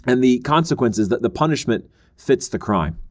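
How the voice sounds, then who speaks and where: Guy teaching bible stuff on a podcast, earnest, explains step by step, mid pitch. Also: lively intonation, normal speed. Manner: earnest, explanatory, acts out quoted voices.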